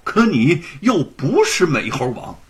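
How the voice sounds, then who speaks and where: A man voicing a gentle young wife who speaks softly and tenderly to comfort her husband. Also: a little high, sing-song, unhurried, husky, exaggerated voice. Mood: coaxing. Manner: soft, tender, coaxing.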